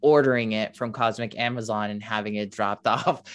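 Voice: mid-range voice, fairly even intonation, moderate pace, a bit bright, smooth. A podcast host chatting casually in a slangy, sweary, informal way. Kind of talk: casual chat.

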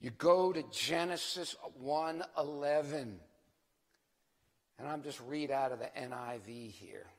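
A man's voice: on the high side, a little slow. An older man giving a religious lecture in a rambling, digressive professorial way, with theatrical, emphatic rhetorical questions. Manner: rambling, digressive professor who loses his thread. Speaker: lecturing preacher. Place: large reverberant hall. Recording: echoey hall with long reverb.

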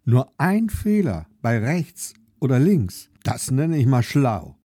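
A man's voice: mid-range voice, sing-song, slow pace, dark tone, no echo, clean studio sound. A man voicing a young schoolgirl witch in an audiobook, a patient big sister who explains things matter-of-factly. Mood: explaining. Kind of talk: audiobook character voice.

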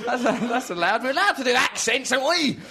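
A man's voice: extremely high pitch, expressive, fairly quick, creaky, crowd noise. A man hosting a comedy radio chat, flamboyant and laughing often. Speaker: radio show host. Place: radio studio.

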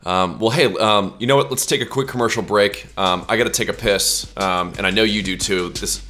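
Deep voiced dude hosting a podcast, sweary bro chat, bit of music. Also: male voice, a little fast, pushed and bright. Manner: profane, bro-like banter. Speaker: podcast host.

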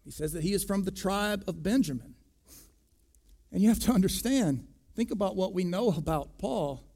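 A pastor preaching a sermon, deliberate and emphatic, pressing hard on key words. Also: male voice, high voice, animated, warm tone.

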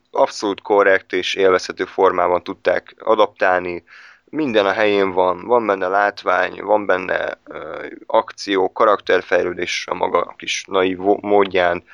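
A man's voice: low voice, creaky, a bit bright, smooth, dry recording. A man casually reviewing superhero films with a friend, talking in a hesitant way with many fillers and restarts. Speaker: film reviewer. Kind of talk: casual film review chat.

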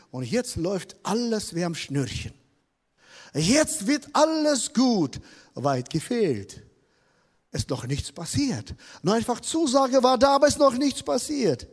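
A man's voice: high-pitched, darkish tone, breathy edge. A man preaching a sermon in a church hall, emphatic and repeating his key words. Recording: long reverb of a large hall.

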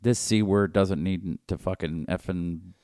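A man with a very low voice chats loosely, joking and swearing freely as he rambles. The recording is dry and close, with no room sound. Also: fairly even intonation, unhurried, dark tone, no room sound. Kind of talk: casual chat.

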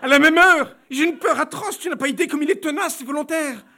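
A man's voice: very high-pitched, animated, fast talker, a bit bright, husky, pitched above the performer's own voice, heavily acted. A man reading aloud and voicing a panicked young baroness who stammers and pleads. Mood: anxious. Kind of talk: audiobook reading.

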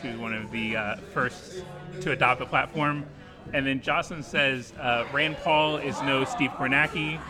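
A man's voice: mid-range voice, fairly even intonation, moderate pace, music in the background. A man, a podcast producer, relaying audience comments in a matter-of-fact way. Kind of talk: reading out comments.

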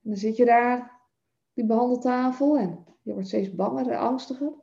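A woman coaching her listeners through a self-help lesson, her voice gravelly with a dark, mellow tone. She speaks straight to the listener and builds her points from everyday examples. The recording sounds a little dull and lo-fi. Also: a little high, normal speed. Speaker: coach giving a masterclass.

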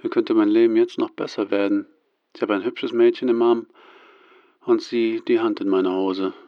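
A man's voice: on the low side, steady tone, moderate pace, no room sound, dull audio, natural voice. A man reading aloud, voicing an awkward young man who rambles and stammers. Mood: smug. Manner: rambling, stammering, over-earnest.

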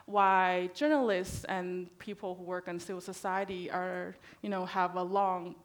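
A woman's voice: fairly low pitch, steady tone, a little slow. Thai-born woman speaking on a panel. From Thailand. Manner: conversational, frequent "right?" tags. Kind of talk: panel discussion talk.

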